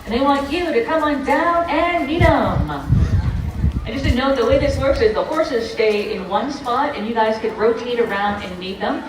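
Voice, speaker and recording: A woman's voice: a little high, moderate pace, noisy background. A woman announcing a live animal show to a crowd as an upbeat presenter. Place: outdoor horse show arena, heard over loudspeakers. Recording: very echoey distant PA, music behind.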